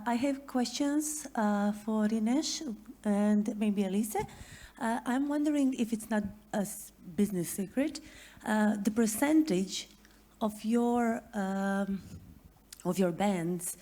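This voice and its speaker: A woman's voice: medium pitch, dark tone. A woman from Croatia asking a question from the floor at a conference, hesitant and full of fillers. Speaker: audience member asking a question.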